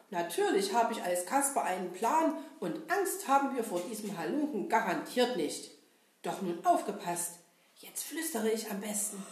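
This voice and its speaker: A woman voicing Kasper, a cheerful, brave male puppet hero who talks straight to the children in a lively, sing-song way. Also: mid-range voice. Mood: whispering. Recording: roomy echo.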